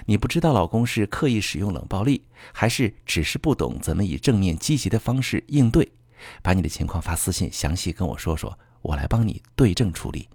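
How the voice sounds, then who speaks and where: A very deep male voice that still rises and falls in lively swings, as he coaches the listener through a marriage problem. He talks calmly and directly to the listener. The sound is dry and close, with no room around it. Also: fairly quick, slightly rough, no echo. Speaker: relationship advice host. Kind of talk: scripted advice talk.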